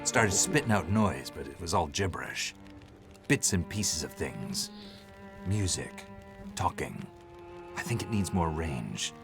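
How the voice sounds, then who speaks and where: A gravelly old hermit. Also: male voice, sits low, very animated, exaggerated voice. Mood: gruff, explaining. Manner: measured, explaining plans patiently. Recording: game audio with music behind.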